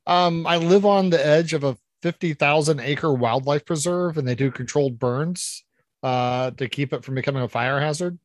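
A man's voice: a little high, normal speed, no echo. A man chatting casually as a podcast co-host. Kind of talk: casual chat.

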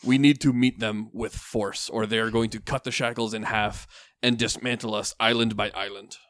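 A man's voice: on the low side, steady tone, normal speed, fairly bright tone, no room sound. A man playing a tabletop role-playing game, casually narrating what his character does. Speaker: tabletop role-play player.

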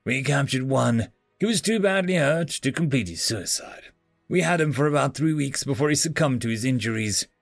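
A man reads a composed officer with a measured, formal delivery. He sounds steady and official, a touch brighter than plain narration, in a dry, close recording. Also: mid-range voice, creaky, no room sound, faint music behind. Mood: serious. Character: calm male officer guarding state secrets.

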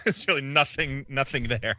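A man's voice: mid-range voice, moderate pace, sharp tone, dry recording, highs cut off. A man co-hosting a wrestling recap podcast in casual chat. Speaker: podcast co-host.

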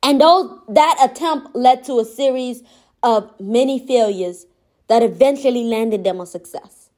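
Woman, high voice, impassioned motivational monologue, gentle but firm delivery. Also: unhurried. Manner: impassioned, repetitive emphatic phrasing.

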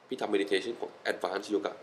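A young man with a fairly low voice talks with real enthusiasm, laughing often and repeating words for emphasis. His tone stays casual and chatty. A faint noise sits under the recording. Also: steady tone, measured pace, gravelly, low-quality recording. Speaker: wellness guest. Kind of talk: casual interview chat mixing English.

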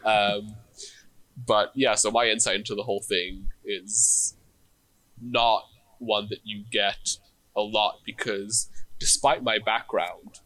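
A young man from Israel talks in a casual discussion, careful and hesitant, filling pauses with ums. His voice is low but bright and sharp-edged. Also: flat delivery, no room sound. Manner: measured, hesitant, many fillers.

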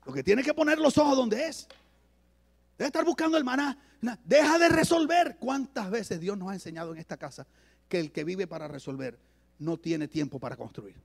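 A male pastor preaching an emphatic sermon to a church, swinging from loud declarations to low asides. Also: animated, brisk, vocal fry.

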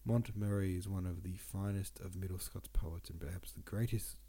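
Casual poetry reading and commentary come from a male podcast host with a low-pitched voice who talks fairly quickly. He reads old verse aloud and drifts into relaxed asides, his voice sniffly and congested.

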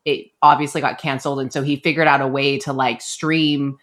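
A woman's voice: extremely low pitch, level tone, fairly quick, fairly bright tone. A woman hosting a podcast, asking questions and chatting casually with her guest. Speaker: podcast host. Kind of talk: casual interview chat.

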